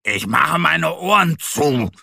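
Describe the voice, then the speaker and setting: Man voicing a quick-tempered bear cub boy, sulky, childish, slightly husky, children's story. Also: fairly low pitch, animated, pushed and bright, no echo, studio quality, heavily acted. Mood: angry.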